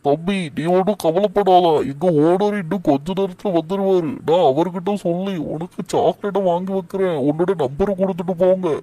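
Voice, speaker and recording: A performer voicing a kindly shop worker who gently reassures a customer in a fan game dub. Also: mid-range voice, fairly quick, hardly any pauses, natural voice.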